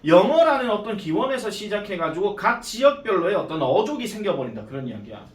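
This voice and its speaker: A man teaching an English grammar lesson at a cram school. He talks casually and jokes, and reads the English lines out slowly. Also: sits high, very animated. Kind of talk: classroom grammar lecture. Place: classroom. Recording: echoey classroom from far off.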